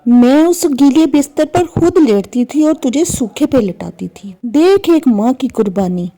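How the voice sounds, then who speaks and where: A woman's voice: high-pitched, animated, a little slow, full character voice. A woman playing an elderly patient mother. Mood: scolding. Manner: soft and patient, turning to firm lecturing. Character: patient older mother, calm then scolding.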